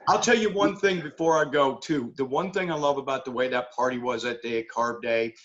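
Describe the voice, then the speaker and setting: A man's voice: mid-range voice, brisk, fairly bright tone, lo-fi sound. Enthusiastic rambling male musician. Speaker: rock musician guest. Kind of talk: casual interview chat. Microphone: video call.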